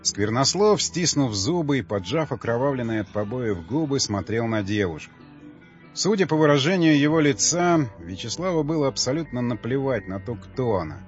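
A man reading an audiobook in a steady, measured narration. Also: medium pitch. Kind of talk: scripted narration. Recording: dull lo-fi audio with faint music.

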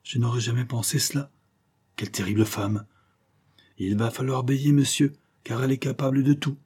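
A man's voice: mid-range voice, little pitch movement, normal speed, a little mellow, slightly rough, lightly acted. A man voicing an earnest young man in a storybook reading, urgent and pleading.

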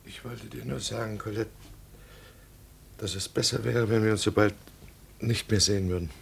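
An actor playing a broken, fearful man in a 1950s radio drama, speaking in a low, strained, gravelly voice. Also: moderate pace, slight background noise, lightly acted. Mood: afraid. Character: broken, fearful man just released from prison.

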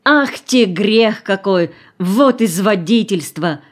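A woman's voice: medium pitch, expressive, slow pace. A woman reading an audiobook voices an old peasant nanny, folksy and fussy, lamenting and scolding.

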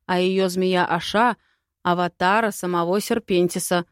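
A woman reading an audiobook voices a grave old male court adviser telling a dark legend. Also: fairly low pitch, fairly even intonation, moderate pace, clean tone, no echo, studio quality, lightly acted.

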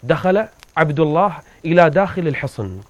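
A man's voice: fairly high pitch, lively intonation, fairly quick, dry recording, muffled recording. A man preaching in a vivid, dramatic storytelling manner as he recounts a religious history.

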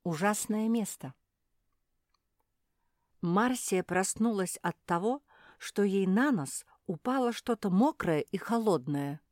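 A woman narrating a children's story in an even, storytelling manner, close to the mic. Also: medium pitch, a little slow, dry recording.

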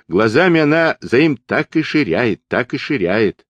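A man voicing a cocky curly-haired young male partisan who mumbles gossip in a quick patter, in an audiobook. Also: very animated, dry recording, highs cut off. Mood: sly gossiping. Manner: mumbling patter, rising to shrill shouts.

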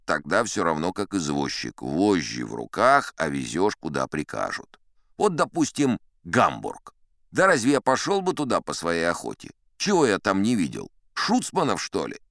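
A man's voice: low-pitched, vocal fry, fairly bright tone, dry recording, clean studio sound, heavily acted. An actor playing a boastful old sea captain who narrates his tall tales in a chatty, sly way, often turning to the listeners. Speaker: first-person narrator of an audio play. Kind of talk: theatrical storytelling, audio play.

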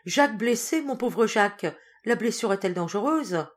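A woman's voice: medium pitch, expressive, moderate pace, voice pushed up, close to an everyday voice. A woman reading the part of an anxious, devout young wife, speaking emotionally in an audiobook. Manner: emotional and pleading.

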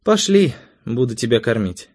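A man voicing a brisk, wry, teasing wife in an audiobook, with a raised voice and a businesslike tone. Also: medium pitch, sing-song, husky. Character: brisk, teasing wife, middle-aged woman. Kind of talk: audiobook character voice.

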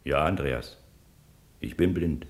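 A blind, bitter wounded soldier speaks with gruff, blunt contempt. His voice is very deep. He sounds like a figure from an old-style radio play. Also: slow pace, exaggerated voice. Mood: scornful.

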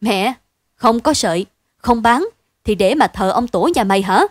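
A gruff, worried peasant husband snaps back bluntly. A woman narrator voices him, close and dry, as in a storybook reading. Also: fairly high pitch, lively intonation, measured pace, no room sound. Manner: blunt, scolding.

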